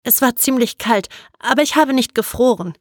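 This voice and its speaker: A woman's voice: on the high side, moderate pace, no room sound, studio quality, pitched above the performer's own voice, close to an everyday voice. A woman voicing a wary, stubborn nine-year-old girl in an audiobook. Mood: guarded.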